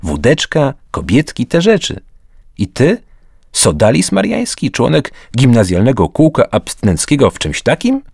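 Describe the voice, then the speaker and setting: A man voicing a blunt, excitable teenage schoolboy friend in a story reading, speaking much higher than his narrating voice. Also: normal speed, creaky, breathy edge, no room sound, clean studio sound, exaggerated voice. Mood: teasing. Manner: shouting, incredulous.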